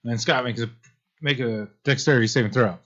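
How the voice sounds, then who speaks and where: A man narrating as game master in a relaxed, casual way, full of fillers. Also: medium pitch, quick pace. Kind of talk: narrating a tabletop game on a live stream. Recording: muffled lo-fi stream audio.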